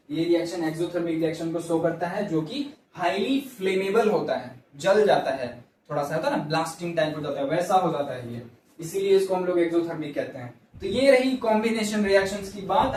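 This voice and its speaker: Recorded from a distance in a very echoey room with slight background noise, a man lectures on science at the board. His voice sits high with a darkish tone, and he repeats key terms while posing and answering his own questions.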